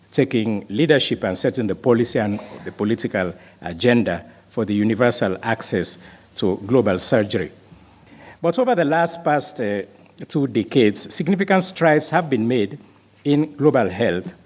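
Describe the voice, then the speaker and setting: Male speaker, formal measured address, mid-range voice. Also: medium pitch, a little mellow. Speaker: conference speaker. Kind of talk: formal prepared speech.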